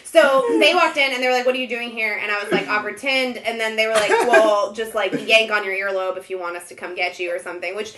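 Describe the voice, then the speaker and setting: A woman's voice: medium pitch, fast, hardly any pauses, echoey room, a crowd in the background. A young woman hosting a casual chat, telling a dating story with lots of laughter. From born in Israel, raised in Ohio. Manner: animated storytelling, laughs often.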